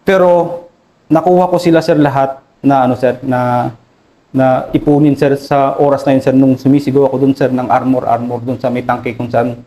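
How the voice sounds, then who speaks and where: A Filipino army officer with a Filipino accent, recounting combat in an interview, deferential and halting, adding "sir" to nearly every phrase. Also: male voice, medium pitch, level tone, dark tone, poor audio. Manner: deferential, says "sir" constantly, halting with many fillers. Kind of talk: interview storytelling.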